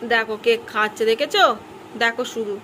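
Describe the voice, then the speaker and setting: A woman's voice: on the high side, moderate pace, noisy background. A young woman filming a casual family vlog, chatting with her child and the viewers, teasing and scolding by turns. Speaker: mother and vlogger.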